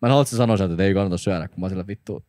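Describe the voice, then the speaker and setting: A man's voice: deep voice, a little mellow, no room sound. A Finnish man co-hosting a podcast, rambling in casual chat with lots of fillers and swearing. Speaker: podcast co-host.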